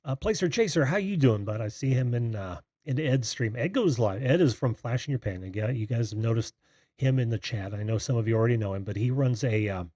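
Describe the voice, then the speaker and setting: An American man from Indiana with a breathy voice, hosting a casual live call-in stream in a rambling, familiar way as he greets viewers. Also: mid-range voice, expressive, brisk, mellow, dry recording, clean studio sound. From Indiana, United States. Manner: rambling, distracted, friendly familiar address. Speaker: host of a live call-in show.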